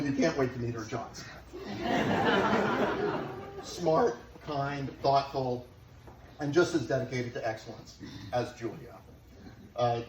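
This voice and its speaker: A middle-aged man giving a father of the bride wedding speech, sincere and affectionate, with deliberate pauses for the guests. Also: mid-range voice. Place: large room at a wedding reception, guests present. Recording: echoey, noisy room, distant microphone.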